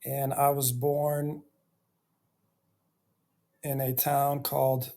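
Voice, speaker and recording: A man in his thirties telling his life story on his own channel, reflective, pausing often between phrases. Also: mid-range voice, completely flat delivery, warm tone. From Bosnia and Herzegovina. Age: 30s. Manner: slow and reflective, with many pauses and fillers. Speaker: YouTuber. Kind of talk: personal storytelling vlog.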